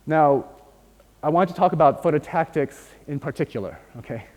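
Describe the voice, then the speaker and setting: Man, university lecture, linguistics lecturer, slightly high voice, long hall reverb. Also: animated, normal speed, a little mellow. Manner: explains patiently, checks in often with "right?" and "okay?".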